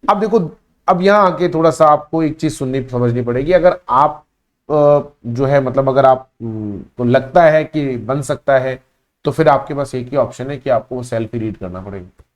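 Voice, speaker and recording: A man's voice: medium pitch, moderate pace, lo-fi sound. A man teaching a live online class, speaking emphatically and repeating key points as he calls his students beta.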